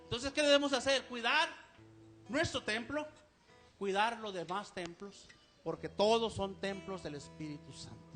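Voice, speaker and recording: A man's voice: sits high, unhurried, a bit bright, faint music behind. A man with a Mexican Spanish accent preaching a sermon to his congregation, asking them questions and saying amen often. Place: church service, live stream.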